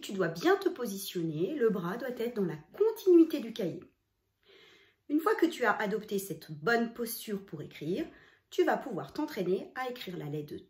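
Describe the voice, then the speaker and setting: Slow, lively-voiced woman teaching handwriting. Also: medium pitch. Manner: slow, step-by-step explaining, addressing the child as "tu". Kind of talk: handwriting lesson for young children. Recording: roomy, echoey room.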